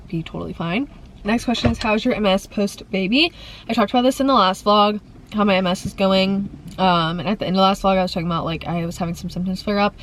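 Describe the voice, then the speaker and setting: Chatty young woman, lowish voice. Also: noisy background. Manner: rambling, fills with "like" and "um". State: slightly congested. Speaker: vlogger. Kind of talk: chatty Q&A vlog.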